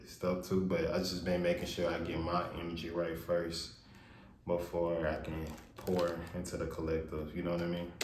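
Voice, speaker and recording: Low monotone man in heavy room reverb. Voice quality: naturally monotone voice. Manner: loose, rambling, with many fillers. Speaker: tarot reader. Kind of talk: casual spiritual tarot reading. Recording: echoey untreated room, faint noise.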